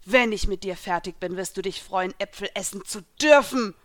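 Fierce swordswoman threatening an enemy in a fanfic reading, loud and firm, woman reading it. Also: medium pitch, moderate pace, natural voice. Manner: threatening, forceful. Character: stern fierce young female swordswoman.

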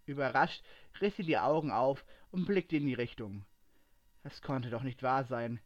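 A man reading a fantasy adventure story aloud in steady narration. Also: medium pitch, moderate pace, no room sound, lo-fi sound.

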